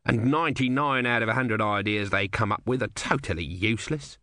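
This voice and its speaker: A man's voice: lowish voice, fairly quick, bright, forceful tone, no room sound. A man voicing a dry, sardonic male tortoise god who speaks in a knowing way.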